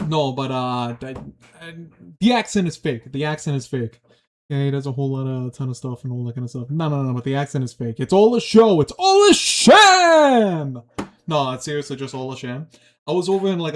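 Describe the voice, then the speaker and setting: A young man with a Long Island New York accent talks loosely to his stream chat. His delivery is rambling and animated, full of slang and side tangents, and it sits at an ordinary middle pitch. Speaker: livestreamer. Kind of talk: casual stream chat, reacting to chat.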